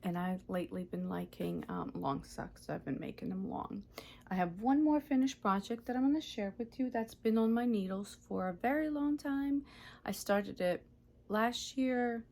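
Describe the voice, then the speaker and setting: A woman's voice: mid-range voice, moderate pace, gravelly, warm tone. A woman in her thirties, originally from Ukraine, hosting a casual knitting vlog and chatting through her projects while often correcting herself. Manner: chatty, self-correcting, often unsure of details. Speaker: knitting podcast host. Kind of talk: casual show-and-tell vlog.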